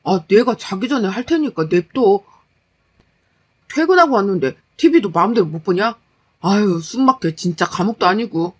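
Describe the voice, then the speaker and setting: A woman's voice: mid-range voice, lively intonation, moderate pace, husky. A woman voicing a lazy, defensive young husband who sounds whiny, dismissive and irritable. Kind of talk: storytelling dialogue.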